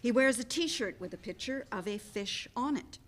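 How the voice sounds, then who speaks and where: This woman acts as event host and stage directions reader at a live play reading, narrating for the audience. Her voice is a little high, expressive and fairly bright, at a normal speed.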